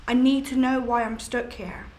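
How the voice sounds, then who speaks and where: A woman's voice: fairly high pitch, level tone, normal speed, close to an everyday voice. An actress playing a young woman's ghost, upset and frustrated at being murdered, in a film. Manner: upset, shouting then apologetic. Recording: echoey room with faint noise.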